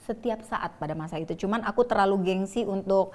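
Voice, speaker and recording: A woman's voice: mid-range voice, fairly quick, a little mellow. Chatty woman sharing her testimony. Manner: chatty and candid, laughs between phrases. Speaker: interview guest. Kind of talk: casual faith testimony.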